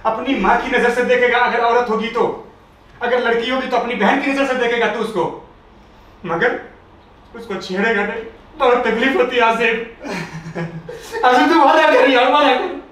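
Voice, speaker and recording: A man's voice: very high-pitched, normal speed, fairly bright tone, voice pushed up. A man voicing a drunk friend who pleads and lectures with tearful promises, recorded far off in an echoey room. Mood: pleading. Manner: pleading, repeating his friend's name.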